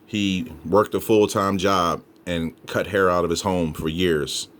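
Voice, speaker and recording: Deep-voiced man casually presenting spirit recordings. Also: steady tone, measured pace, fairly bright tone. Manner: addresses listeners as folks, emphatic repetition. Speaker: paranormal investigator and host. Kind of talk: casual commentary on EVP recordings.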